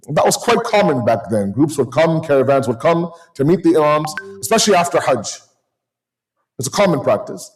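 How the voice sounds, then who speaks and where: Higher-voiced man giving a sermon. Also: a little hiss or hum, low-quality recording. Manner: conversational, storytelling, code-switches into Urdu and Arabic terms.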